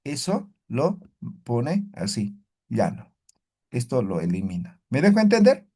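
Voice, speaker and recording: A man's voice: mid-range voice, measured pace, slightly rough. A man teaching an online Aymara language class, often checking in with "¿ya?" and "¿no ve?". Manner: animated, exaggerates rises and falls to demonstrate.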